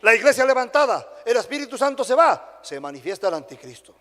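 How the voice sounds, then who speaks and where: A man's voice: very high voice, fairly quick. A man with a Dominican Spanish accent preaching a sermon to a congregation, often checking in with short questions like "right?". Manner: animated preaching, frequent tag questions to the congregation. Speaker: pastor. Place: church sanctuary. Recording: long hall reverb.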